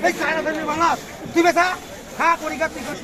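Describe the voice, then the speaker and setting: A man's voice: very high-pitched, level tone, very fast, over a noisy crowd. A man haggling as a trader in a market, calling out in short bursts. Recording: noisy crowded outdoor market.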